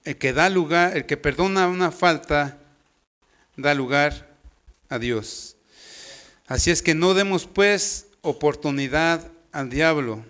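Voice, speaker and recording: Preacher guy, slow and easygoing, jokes around, smooth clear voice. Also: a little high, fairly bright tone. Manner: homely, joking, storytelling. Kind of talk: informal sermon.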